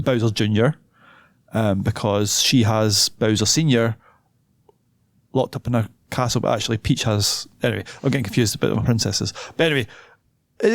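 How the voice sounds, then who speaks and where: A man's voice: medium pitch, creaky, no echo, clean studio sound. Hesitant man reviewing a film. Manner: hesitant, self-deprecating, loses his thread. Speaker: podcast co-host, film reviewer. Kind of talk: casual chat.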